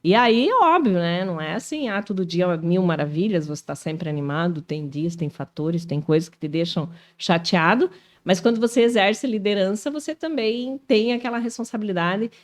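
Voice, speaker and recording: Uma mulher de cinquenta e poucos anos com sotaque do sul do Brasil, conversando como convidada numa entrevista, animada e cheia de "né". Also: female voice, fairly low pitch, moderate pace. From Brazil. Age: 50s. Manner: animated, frequent tag questions "né". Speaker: shopping mall executive, guest. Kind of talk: casual interview talk.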